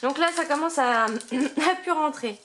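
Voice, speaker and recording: A woman's voice: sits high, unhurried, background noise. A woman vlogging casually about her craft purchases, chatty and hesitant, with frequent filler sounds. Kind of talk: casual haul chat to camera.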